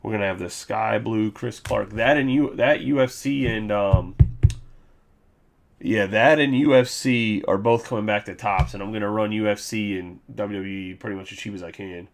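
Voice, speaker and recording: Low, gravelly male host for a casual card-break stream; loose and joking. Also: normal speed. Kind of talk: casual live-stream recap.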